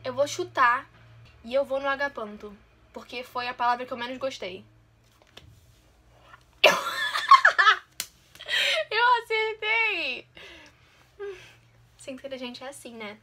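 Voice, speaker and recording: A woman's voice: sits high, steady tone, a little fast, sharp tone, slightly rough. A woman, chatting casually and teasing herself while taking a quiz on her channel. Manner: chatty, self-mocking, competitive. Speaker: YouTuber.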